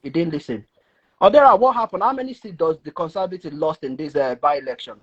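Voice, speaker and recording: A man's voice: a little high, fast talker, breathy edge. Exasperated Nigerian man, muffled stream. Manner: animated, exasperated, repeats himself. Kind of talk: heated live debate. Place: living in the UK. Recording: muffled lo-fi live stream audio.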